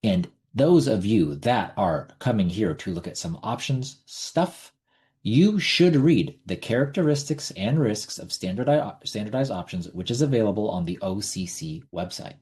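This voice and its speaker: A middle-aged man with a low, mellow voice hosts a casual online webinar into a computer mic. He talks bluntly, repeats words as he goes, and swears now and then. His delivery stays loose and conversational. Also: lively intonation, moderate pace. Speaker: webinar host.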